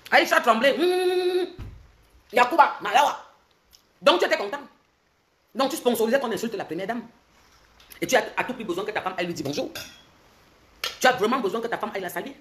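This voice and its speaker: A woman's voice: on the high side, animated, a bit bright. Angry woman ranting. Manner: angry, confrontational, rapid-fire questions. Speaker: social media commentator. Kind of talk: heated livestream rant.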